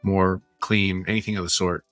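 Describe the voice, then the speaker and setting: A man from American Samoa co-hosts a casual podcast. His rambling, joking talk is bright and forceful, set low in pitch. The sound is dry. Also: flat delivery, moderate pace, no room sound, soft background music. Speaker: podcast co-host.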